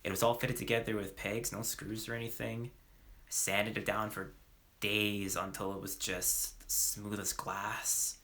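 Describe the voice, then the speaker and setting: A young slacker-turned-dealer, remorseful and unsure, played by a man in a monologue. He talks in halting, slangy bursts with lots of "like" and restarts. His voice sits low, with a bright, tense edge. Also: level tone. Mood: earnest. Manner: hesitant, slangy, full of fillers and restarts. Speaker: actor. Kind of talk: dramatic monologue performance.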